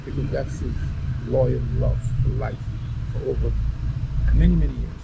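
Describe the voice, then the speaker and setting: A man's voice: medium pitch, moderate pace, creaky, dull audio, heavy background noise. A man with a Jamaican accent tells stories casually in Rasta-style speech with patois phrasing, repeating phrases for emphasis. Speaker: storyteller explaining reggae history. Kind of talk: casual conversational storytelling.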